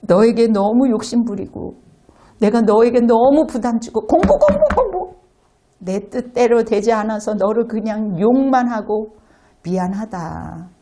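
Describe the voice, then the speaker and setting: A woman doing a shrill, scolding middle-aged mother. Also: animated, measured pace, mellow. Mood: remorseful. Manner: shrill and exaggerated in the scolding quotes. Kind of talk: acted quotes inside a sermon.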